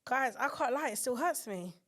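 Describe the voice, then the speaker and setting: A woman's voice: high voice, normal speed. A woman in her thirties from England, co-hosting a podcast in casual chat, telling stories with feeling. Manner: emotional, animated storytelling with put-on voices. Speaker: podcast co-host.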